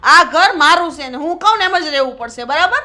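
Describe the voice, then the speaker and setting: A woman's voice: sits high, lively intonation, brisk, sharp tone. An actress playing a domineering, proud mother-in-law who scolds and lectures her daughter-in-law. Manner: scolding, bossy, indignant. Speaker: actor in a short film. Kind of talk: family drama acting.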